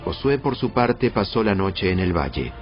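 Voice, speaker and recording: A man narrating a dramatized audio Bible in a measured storytelling delivery. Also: lowish voice, very animated. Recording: muffled band-limited audio. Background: prominent background music.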